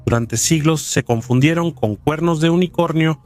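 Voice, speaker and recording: A man giving scripted documentary narration in a measured, even storytelling delivery, recorded close as a voice-over. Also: fairly high pitch, soft background music.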